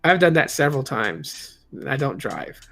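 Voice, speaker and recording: A man's voice: mid-range voice, very animated, measured pace, gravelly, fairly bright tone, faint music behind. A man in his late thirties hosting a live stream, talking candidly in a rambling, casual way with many restarts and reading chat aloud. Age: 30s.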